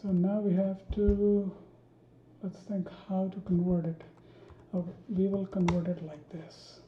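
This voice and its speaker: A woman teaching a coding tutorial, thinking aloud with many pauses, ums and restarts while she types. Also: medium pitch, flat delivery, slight background noise. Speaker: programming tutor. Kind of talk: screen-recorded coding tutorial. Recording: dull roomy home recording.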